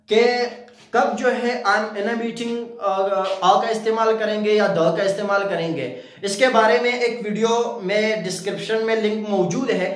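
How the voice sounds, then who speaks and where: Guy teaching english, pretty high voice, keeps saying theek hai, super echoey room. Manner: repeats "theek hai" as a verbal tic, asks the viewer rhetorical questions. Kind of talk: casual video lesson.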